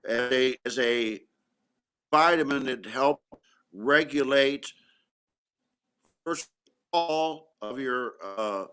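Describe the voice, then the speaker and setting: A slow, measured man talks over an online call that keeps cutting and breaking up. He speaks haltingly, restarting words as the audio drops in and out. The voice sits at a middling pitch. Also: sharp tone. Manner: halting, restarts mid-phrase. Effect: choppy, breaking-up online call connection. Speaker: doctor guest. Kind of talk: remote interview explanation.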